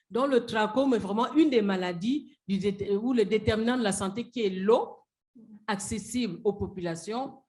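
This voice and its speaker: A speaker finishing conference remarks in a halting way, trailing off toward the end. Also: mid-range voice, darkish tone. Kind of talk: conference talk.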